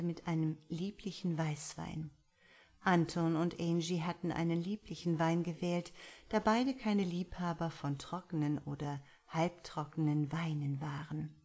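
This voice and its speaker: A woman reads a story aloud in a calm, even manner, with a somewhat low voice. Her narration is steady and unhurried. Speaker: audiobook narrator. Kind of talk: scripted narration.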